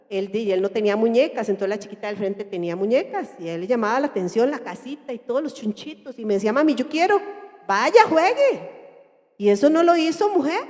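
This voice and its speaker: A woman with a Costa Rican accent speaking to a group, lively and questioning her listeners. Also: a little high. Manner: lively, asks the audience questions and acts out everyday voices. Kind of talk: talk to a church group. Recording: echoey hall.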